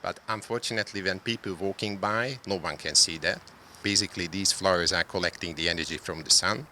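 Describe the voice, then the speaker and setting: A man's voice: low-pitched, brisk, sharp tone, slight background noise. A man from Hungary, answering interview questions about a public art project, hesitating often with fillers. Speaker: interviewee, solar art creator.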